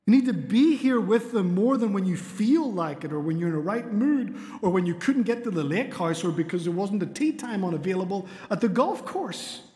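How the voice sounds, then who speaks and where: A man's voice: sits high, expressive, normal speed, few pauses, warm tone. A middle-aged man, preaching a sermon with earnest storytelling and light humor. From Spain. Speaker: pastor. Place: church sanctuary. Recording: long hall reverb in a church.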